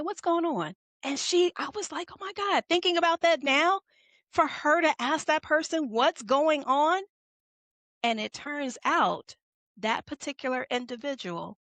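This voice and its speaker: A woman leadership coach giving an animated, conversational motivational talk, telling a story and speaking directly to her listeners. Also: on the high side, no echo.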